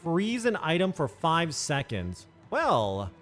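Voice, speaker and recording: A man giving casual commentary on a game stream, thinking aloud and muttering asides as he plays. His voice sits a little high and swings up and down a lot. Faint game music plays behind him. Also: wildly swooping pitch, slow, a bit bright.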